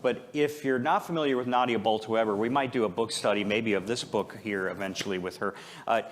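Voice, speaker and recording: A pastor at a church service speaks briskly to his congregation in a low-ish, steady-toned voice. His sermon is informal and chatty, laced with jokes at his own expense and rhetorical questions.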